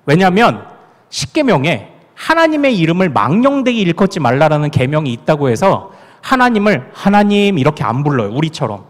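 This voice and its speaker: A man's voice: a little high, sing-song, a little fast. A male pastor with a Gyeongsang accent preaching at a family prayer meeting, playful and acting out dialect lines. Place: church sanctuary. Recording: long hall reverb.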